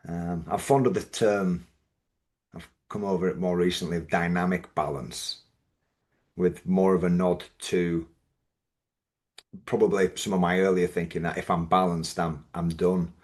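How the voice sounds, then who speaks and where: A low-voiced man from Yorkshire, England, guests on a reflective podcast interview as a business owner. His tone is steady and a little mellow, and he speaks in a thoughtful, measured way with frequent restarts.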